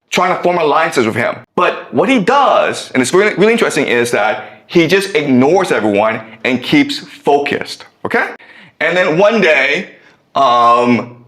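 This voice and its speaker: Animated male professor in an echoey classroom. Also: on the high side. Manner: animated, checks in with "okay?". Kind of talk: classroom lecture with storytelling.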